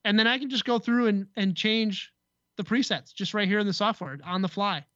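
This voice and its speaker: A man's voice: sits high, fairly quick, pushed and bright, no room sound, dull audio. A man co-hosting a radio show, casually explaining tech step by step. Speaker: co-host, tech guest. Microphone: desk mic with headset.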